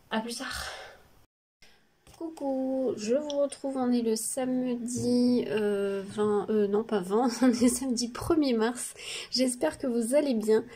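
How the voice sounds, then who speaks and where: A woman chatting casually in her home craft studio vlog, with a cold, talking hesitantly with many fillers and pauses. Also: mid-range voice, dark tone, breathy edge. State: sniffly with a cold. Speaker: craft vlogger.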